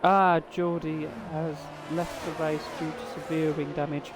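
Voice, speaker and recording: A weary man with a fairly high voice commentates a sim race in a loose, chatty way, talking straight to drivers and viewers. His stream mic carries a clear layer of noise behind him. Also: level tone, measured pace. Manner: laid-back, chatty, addresses viewers and drivers directly. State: tired. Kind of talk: live sim racing commentary.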